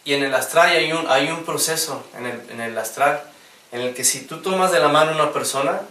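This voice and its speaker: A man's voice: a little high, brisk, sharp tone, distant mic. Man telling spiritual stories in a roomy space. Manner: anecdotal, laughs at own stories, acts out quotes. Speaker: gnostic instructor. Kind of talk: spiritual lecture with storytelling. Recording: roomy sound, voice from off mic.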